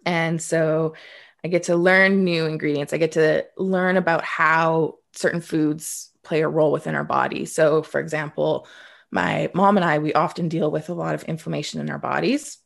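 A woman's voice: low voice, fairly even intonation, moderate pace, creaky. A woman of about thirty from Canada, a guest telling her story in a candid, reflective way, now and then dryly sarcastic, often restarting her sentences. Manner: reflective, open, with dry sarcasm and frequent restarts. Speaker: interview guest.

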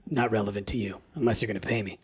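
A man voicing a sly, menacing lizardfolk mercenary in a tabletop game, with a hushed, drawling, taunting delivery that slips toward a whisper. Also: on the low side, steady tone, rapid-fire, breathy edge, voice pushed down. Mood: mercenary, dismissive. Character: sly, menacing tall lizardfolk mercenary, mocking and money-minded.

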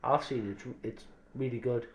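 A man's voice: medium pitch, fairly even intonation, normal speed. A man hosting a podcast, chatting casually about films with matey, sweary banter. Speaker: podcast host.

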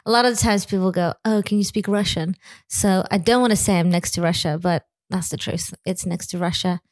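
A heavily pregnant young Lithuanian woman chats casually as a podcast interview guest, her voice lowish and pace moderate. She laughs often and lets sentences trail off with fillers.

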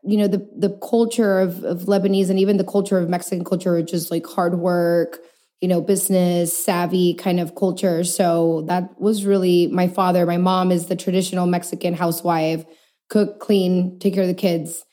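A woman from El Paso, Texas, chats easily as a podcast guest, her voice warm and mellow. She talks through her story casually, laughs often and leans on small fillers. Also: lowish voice, flat delivery, normal speed. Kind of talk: casual interview chat.

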